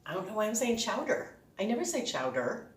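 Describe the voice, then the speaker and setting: A woman's voice: medium pitch, very animated, brisk. A woman with a Boston accent chats informally and ramblingly as she hosts a casual home cooking vlog. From Boston, United States. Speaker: home cook and video host. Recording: echoey room, distant microphone.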